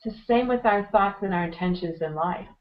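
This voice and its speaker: A woman with a hoarse, fading voice, speaking as an interview guest and giving earnest, motivational advice about meditation. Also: medium pitch, fairly quick, highs cut off. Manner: earnest, motivational, frequent throat-clearing. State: hoarse, losing her voice.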